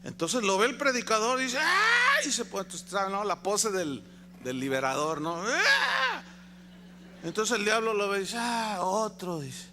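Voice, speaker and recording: A man's voice: high voice, a little fast, noisy background. A man with a Mexican accent preaching a sermon in a folksy, conversational way, often putting questions to his listeners. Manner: folksy, conversational, quizzing the congregation. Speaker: pastor.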